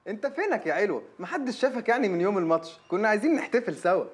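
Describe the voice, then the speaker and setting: A clingy, rambling Egyptian friend. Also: male voice, sits high, big pitch swings, rapid-fire. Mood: chatty. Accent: Egyptian Arabic. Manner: rambling, repetitive chatter with English words. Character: chatty lonely male friend, clingy and rambling. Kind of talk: TV comedy series acting.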